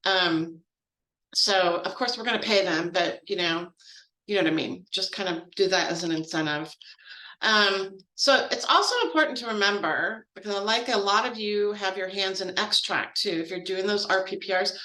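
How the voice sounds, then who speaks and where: A woman's voice: medium pitch, normal speed, pushed and bright, reverberant, poor audio. A woman giving a casual, chatty training walkthrough with informal asides. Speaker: grants trainer.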